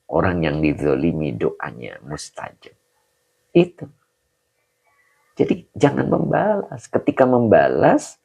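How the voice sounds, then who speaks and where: A man's voice: low voice, vocal fry, dark tone, husky. A man gives a casual livestream sermon, greeting viewers by name and asking rhetorical questions. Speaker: Islamic preacher reading viewer comments.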